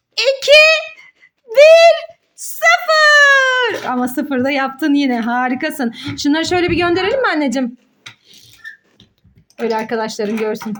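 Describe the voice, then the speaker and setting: Slight background noise accompanies this high-voiced woman, a mother hosting a kids' play challenge. She cheers the play along with excited, encouraging commentary, singing her words and repeating them.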